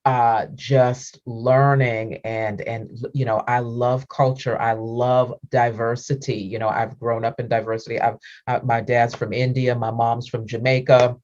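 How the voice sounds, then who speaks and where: A woman's voice: a bass voice, little pitch movement, unhurried, few pauses, a little mellow. A middle-aged woman hosting an interview over a video call, chatting freely, laughing often and repeating her words. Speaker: interview host. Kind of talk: casual interview chat. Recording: dull lo-fi call audio.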